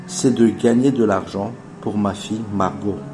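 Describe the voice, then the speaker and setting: A man in his forties giving an earnest, persuasive investment pitch as voice-over narration, addressing his viewers as family. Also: fairly even intonation, normal speed, music in the background. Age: 40s. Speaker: channel host pitching an investment project.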